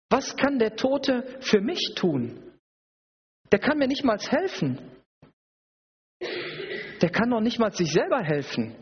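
A man's voice: high voice, husky. A man preaching a sermon at a church service, emphatic and repetitive, with rhetorical questions. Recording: dull recording in a reverberant hall.

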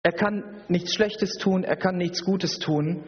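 A man's voice: high voice, steady tone, slow pace, husky. A man preaching a sermon at a church service, emphatic and repetitive, with rhetorical questions. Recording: dull recording in a reverberant hall.

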